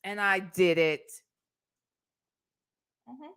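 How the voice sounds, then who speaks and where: Her voice is medium-pitched and smooth, with drawn-out words, as this middle-aged Ohio livestream host tells stories in a relaxed chat. She comes across as sassy and emphatic, animated, and keeps checking in with listeners through tag questions.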